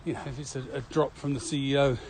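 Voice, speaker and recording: A podcast co-host talks casually and fast in a mid-range voice during a conversational chat, with steady ambient noise in the background.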